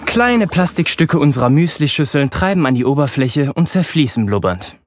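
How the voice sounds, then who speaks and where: Over soft background music, a man reads a children's audiobook from a boy's point of view, telling it expressively and with a wry touch. His voice is fairly high and his pace moderate.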